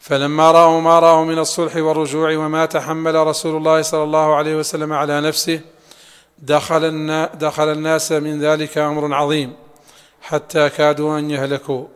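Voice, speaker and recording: A man reading a classical text aloud to a sheikh in a steady, even recitation. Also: a little high, brisk, clear, resonant tone. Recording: long hall reverb.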